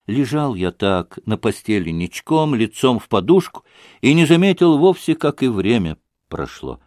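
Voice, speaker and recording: A man's voice: mid-range voice, very animated, normal speed, darkish tone, no echo, clean studio sound. A man reading classic literature aloud, with emotional, dramatic phrasing. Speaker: audiobook narrator. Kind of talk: expressive literary audiobook reading.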